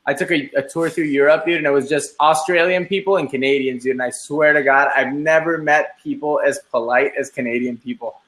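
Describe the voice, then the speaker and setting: A man's voice: fairly high pitch, a little fast, few pauses, a bit bright, rough recording. A man on a casual live video call, talking with enthusiasm and lots of slang. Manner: enthusiastic, slangy, says "dude" a lot. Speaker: guest.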